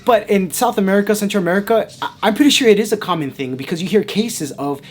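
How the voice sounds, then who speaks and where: A young man vlogging a spooky personal story, animated and dropping to a hush at times. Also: high voice, quick pace. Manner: animated, with sudden drops to a hush.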